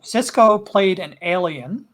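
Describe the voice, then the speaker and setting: A man on a casual online panel, briskly listing trivia and agreeing with the host. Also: high-pitched, lively intonation, fairly bright tone.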